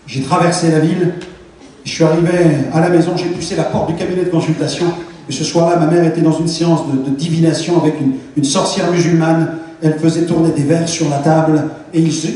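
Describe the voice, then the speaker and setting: A man's voice: a little high, fairly even intonation, a little fast, warm tone, a little hiss or hum. A man giving a fervent, dramatic testimony sermon in a large church hall. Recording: echoey hall, distant mic.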